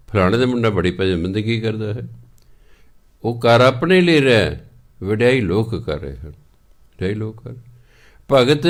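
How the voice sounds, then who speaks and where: A man with a Punjabi accent preaching on scripture, reciting verses slowly and then explaining them, often repeating phrases. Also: fairly low pitch, gravelly. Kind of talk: scripture exposition sermon.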